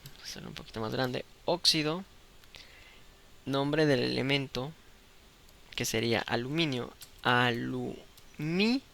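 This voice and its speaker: A man teaches an online chemistry lesson, speaking close to the mic. His voice is gravelly and bright, with a crisp edge. He explains patiently and keeps checking that the students are following. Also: medium pitch, moderate pace, pauses often. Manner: patient, checks understanding with "¿de acuerdo?".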